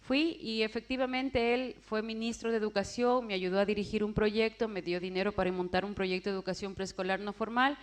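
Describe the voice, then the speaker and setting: A woman's voice: mid-range voice, steady tone, brisk, few pauses. A woman telling her personal testimony as a vivid story, acting out the voices of the people in it. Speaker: testimony speaker.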